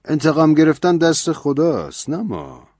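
A man's voice: fairly high pitch, very animated, darkish tone, dry recording, studio quality, pitched above the performer's own voice. A man voicing a stern, preachy priest who lectures in an earnest, raised voice. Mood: urgent, reproachful. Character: stern older male priest, pleading, preachy.

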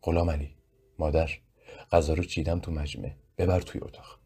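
A man's voice: extremely low pitch, fairly even intonation, warm tone, breathy edge, heavily acted. A man voicing a doting old mother. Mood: fond. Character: older mother, kind, doting woman. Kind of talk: audiobook character voice.

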